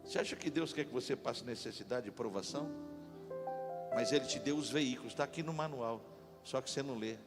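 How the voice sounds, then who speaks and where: A man pastor preaching a lively sermon in a church, leading the congregation to repeat after him. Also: mid-range voice, a little fast. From Brazil. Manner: animated, call-and-response with congregation. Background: instrumental music.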